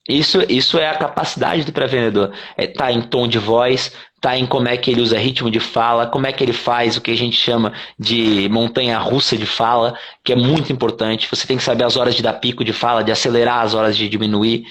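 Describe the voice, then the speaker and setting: A man from Brazil, a company CEO, talking casually in an interview, quick and animated, swearing freely and acting out what clients say. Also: medium pitch. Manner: fast, animated explaining with swearing and acted-out quotes.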